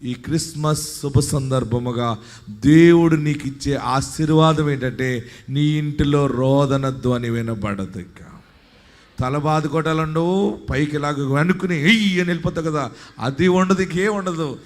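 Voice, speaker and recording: A man, a pastor, preaching a live sermon, reading verses aloud and rising into shouts as he exhorts. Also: on the high side, a little slow. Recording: live hall with long reverb.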